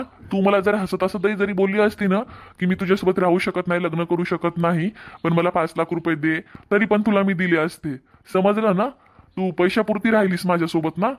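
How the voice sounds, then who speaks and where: A man's voice: sits high, natural voice. A man voicing an insistent, earnest young married man in a cartoon story, with a Marathwada Marathi accent. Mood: accusing. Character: married young man, pushy then apologetic lover.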